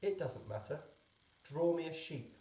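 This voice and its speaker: A man voicing a small, solemn, gently insistent boy in a storybook, with a soft little voice. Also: fairly high pitch, expressive, a little slow, echoey room, distant mic, poor audio. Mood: softly insistent. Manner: earnest, serious, politely insistent. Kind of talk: storybook reading.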